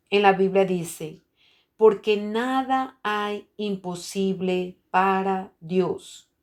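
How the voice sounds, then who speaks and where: A woman pastor preaches an earnest sermon. She speaks straight to the listener at a mid pitch for a woman. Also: darkish tone.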